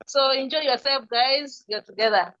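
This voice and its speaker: A woman giving short, encouraging farewell remarks at a reunion, heard through loudspeakers. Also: sits high, moderate pace, no room sound, highs cut off.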